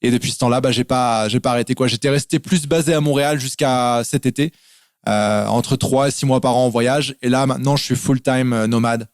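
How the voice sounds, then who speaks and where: A man's voice: medium pitch, steady tone, fairly quick, clean tone, no room sound, studio quality. A man from France, a guest in a casual interview, explaining things in lists with lots of fillers. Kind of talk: casual interview over a call.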